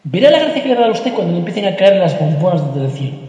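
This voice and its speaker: A man's voice: high voice, very animated, fast, dark tone. A man from voicing a stern, mocking prison guard who scolds sarcastically. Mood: scolding, sarcastic. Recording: echoey hall reverb.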